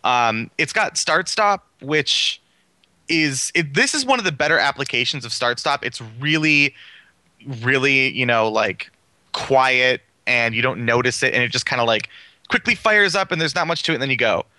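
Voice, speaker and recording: Enthusiastic bright-voiced man chatting about cars. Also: medium pitch, expressive, normal speed, no room sound. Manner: enthusiastic, rambling with fillers. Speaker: car reviewer on a podcast. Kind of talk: casual chat.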